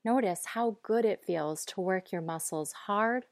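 A woman guiding breathing and muscle relaxation in a calm, measured, instructive way. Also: mid-range voice, no echo, clean studio sound. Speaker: guide.

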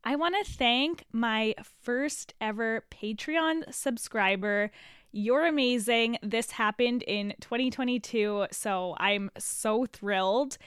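A congested woman with a stuffy nose hosts her own lifestyle podcast, talking in a bubbly, eager way. Her voice sits a little high and comes through smooth and clear. The recording is dry and close, with no room sound. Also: takes it slowly, fairly bright tone, dry recording. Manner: bubbly and enthusiastic. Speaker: podcast host. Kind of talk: solo lifestyle podcast talk.

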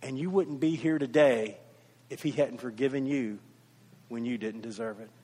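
A man preaching a sermon as pastor, earnest, rising to loud emphasis and then dropping to soft, intimate tones. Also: mid-range voice, normal speed, husky. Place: church sanctuary. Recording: long reverb of a large church hall.

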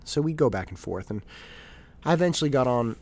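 A man, hosting a podcast and telling a reflective personal story, animated and acting out quoted voices. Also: medium pitch, a little fast. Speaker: podcast host.

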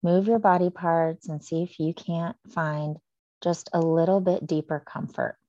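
A woman leading a guided breathing meditation, speaking slowly and softly with long pauses. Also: fairly low pitch, fairly even intonation, no echo, highs cut off. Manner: slow, soft and soothing with long pauses.

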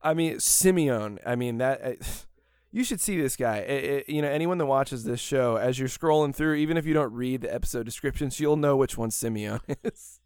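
Podcast host, American man, smooth resonant voice, loose rambling talk with curses, dry booth. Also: mid-range voice, normal speed, darkish tone, no room sound. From United States. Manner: rambling, profane, laughs often. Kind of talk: casual podcast chat.

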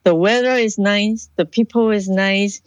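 A mid-range female voice, a little slow and fairly even in intonation, comes across in a dry recording. The speaker, a woman from Hong Kong, is an interview guest earnestly and reflectively telling her life story, often breaking off to restart sentences.

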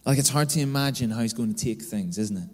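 Fast and darkish at medium pitch, a pastor in his thirties shares stories in a conversational sermon, repeatedly tagging "right?" onto what he says. A hall's long reverb trails the audio.

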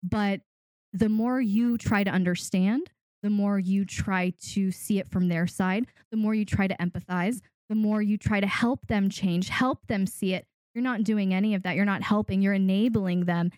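A woman's voice: mid-range voice, fairly even intonation, normal speed, a little mellow, dry recording. A woman hosting an advice podcast, coaching a guest in an emphatic, direct way and stacking points for effect. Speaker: podcast host and coach for dominants.

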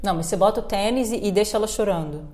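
A woman's voice: mid-range voice, very fast, darkish tone. A woman with a Brazilian Portuguese accent co-hosting a casual podcast chat, asking questions and telling anecdotes as she thinks aloud. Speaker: co-host.

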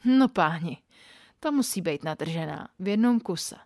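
A woman's voice: on the low side, lively intonation, a little mellow, no room sound, studio quality. A woman voicing an eager, blunt young man who talks in a crude, joking way.

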